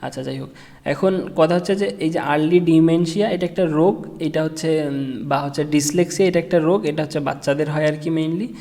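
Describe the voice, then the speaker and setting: A man teaching a casual screen-share tutorial, halting with many fillers and restarts. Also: a little high, warm tone. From Bangladesh. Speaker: online tutorial instructor. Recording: long reverb room.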